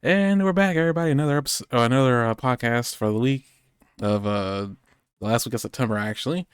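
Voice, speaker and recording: Speaking fast at a medium pitch, a man hosts a live-streamed anime podcast from his home setup, his tone clean and studio-quality with no echo. The chat is casual and meandering, drifting onto tangents as he rambles and corrects himself along the way.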